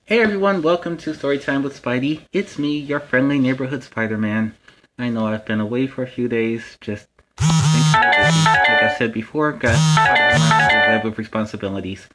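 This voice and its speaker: A man's voice: mid-range voice, moderate pace, loud music behind the voice, pitched above the performer's own voice, natural voice, poor audio. A man playing Spider-Man as a friendly, chatty superhero, casually telling stories to children and explaining things simply in a rambling way. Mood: cheerful greeting. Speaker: host of a story time series. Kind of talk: casual in-character storytelling to children.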